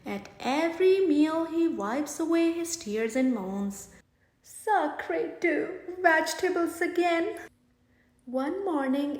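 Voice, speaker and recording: A woman reading a bedtime story aloud in an animated, dramatic way. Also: high voice. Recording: echoey room.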